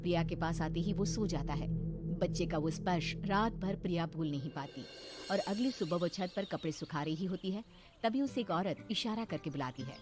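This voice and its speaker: A woman's voice: lowish voice, normal speed, over music. A woman narrating a scripted story dramatically as a storyteller. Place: voice-over recording with background music.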